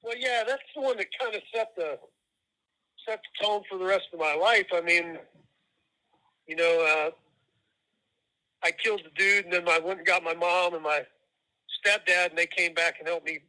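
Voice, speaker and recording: A man talks over a prison phone line in a halting, plain way, starting over and repeating words as he goes. His voice is raised and very bright, with a sharp, cutting edge. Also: sits high. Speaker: prison inmate calling in. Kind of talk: candid phone call.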